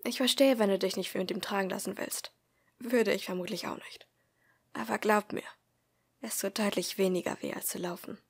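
Brief: a woman doing a blunt blonde schoolgirl, fiery, a little husky, storybook reading. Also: medium pitch, steady tone, moderate pace. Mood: calm. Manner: sharp, scolding outbursts.

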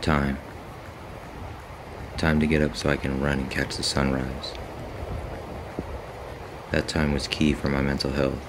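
A man in his thirties giving a measured, contemplative scripted voice-over for a vlog. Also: a bass voice, little pitch movement, noisy background. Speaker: vlogger. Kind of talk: scripted reflective voice-over narration.

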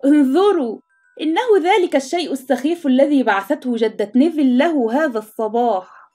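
A woman's voice: sits high, expressive, brisk, mellow, soft background music, pitched above the performer's own voice. A woman voicing a spoiled schoolboy bully who talks in a mocking, sneering way.

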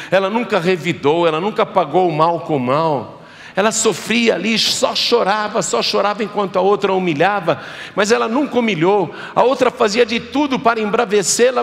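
A male pastor preaching a dramatic sermon, swinging between loud cries and hushed low tones. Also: creaky, long reverb tail.

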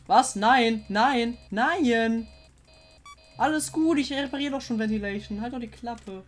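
Jumpy high-voiced woman gaming. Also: a little slow, soft background music. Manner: jumpy and excitable, swears often, coaxes the game character. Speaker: let's player. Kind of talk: horror game commentary.

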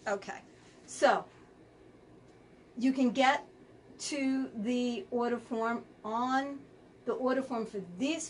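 A woman's voice: on the high side, far from the mic, a little hiss or hum. A woman hosting a live fabric sale, chatting casually as she reads out color names. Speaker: quilt shop host.

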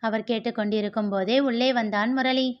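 A woman narrating a novel as an audiobook in an even, steady storytelling manner. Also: on the high side, brisk. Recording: dull lo-fi recording.

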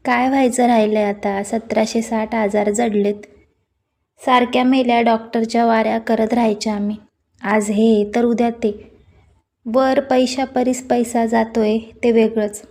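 A woman voicing a sharp-tongued, scolding middle-aged aunt on the phone in a storybook reading. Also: on the high side, little pitch movement, measured pace. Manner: taunting, nagging.

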